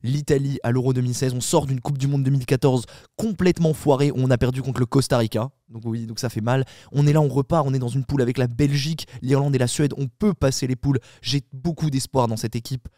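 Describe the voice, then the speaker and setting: A man of Italian heritage talks quickly in a dark, mellow, medium-pitched voice, recorded close and dry with no room sound. As a panelist in a casual podcast chat, he tells a story animatedly, restarting sentences and filling pauses along the way.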